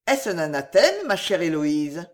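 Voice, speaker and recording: A woman narrator reads a wry, teasing soldier with a prosaic bent. Her pitch moves in a lively way through his lines, in an audiobook reading. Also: a little slow.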